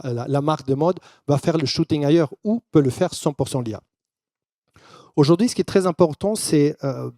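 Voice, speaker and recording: A man's voice: a little high, warm tone, dry recording, studio quality. A man who is not a native French speaker, giving a business presentation in French with a foreign accent, dropping English business terms into loose non-native phrasing. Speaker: conference speaker.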